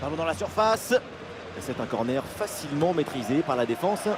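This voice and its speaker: An actor playing an excitable football match commentator in a video game, giving excited sports commentary. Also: male voice, on the high side, fairly quick, close to an everyday voice. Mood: focused. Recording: loud stadium crowd noise behind. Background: stadium crowd.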